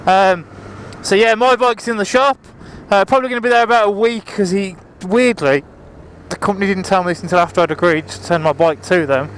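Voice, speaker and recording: This motorbike vlogger talks to his viewers while riding outdoors, loose and apologetic, shouting a bit to be heard over the engine. His voice is high-pitched, brisk, and fairly bright. Wind, traffic, and engine sound come through his helmet microphone, worn with the visor open.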